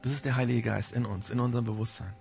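A man preaching a sermon, speaking directly and informally to the congregation and sometimes acting out a gentle inner voice that warns. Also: mid-range voice, steady tone, fast talker, creaky, breathy edge, soft background music. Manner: mimics the Holy Spirit's gentle warning. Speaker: pastor.

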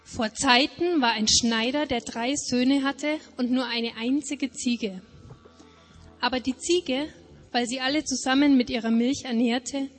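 A woman reading a fairy tale aloud in a measured, expressive way. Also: high-pitched. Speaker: reader. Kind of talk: storybook reading.

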